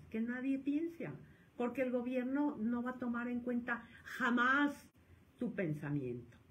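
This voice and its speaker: A woman psychologist with a Mexican accent giving a lecture, animated and acting out the scolding voices of parents. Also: mid-range voice, rough recording.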